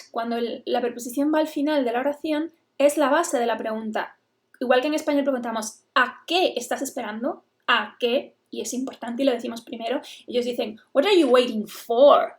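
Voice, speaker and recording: A woman English teacher, patiently explaining a lesson. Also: high voice. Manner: explains patiently, switching between English and Spanish.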